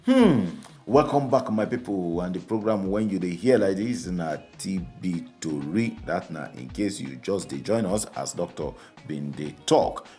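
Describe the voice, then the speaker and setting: A Nigerian man hosting a radio show in Nigerian Pidgin, lively and conversational, often interjecting. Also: low-pitched. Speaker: radio host.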